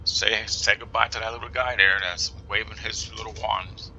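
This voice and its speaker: A man with a New Jersey accent casually comments while playing a flight sim, musing aloud, reading instructions slowly and often dropping to a whisper. His voice sits fairly low with fairly even intonation, and the audio is dull with background noise.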